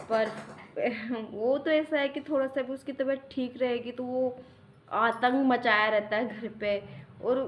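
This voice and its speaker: A young mother talks in a casual home vlog at a middle pitch. She rambles and restarts as she tells her story plainly. There is faint noise behind her. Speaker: mother vlogger.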